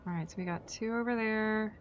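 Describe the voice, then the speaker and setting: A woman's voice: medium pitch, fairly quick, highs cut off, slight background noise. A woman streaming a game, chatting casually and joking about herself to her viewers. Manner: chatty, self-deprecating, talks to chat. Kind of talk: casual gameplay commentary.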